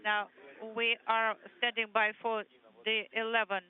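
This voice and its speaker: A man's voice: sits high, completely flat delivery, unhurried. A man relaying clipped procedural calls over a crackly space-to-ground radio link. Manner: clipped procedural call-and-response. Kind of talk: mission control radio exchange. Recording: narrow tinny radio line.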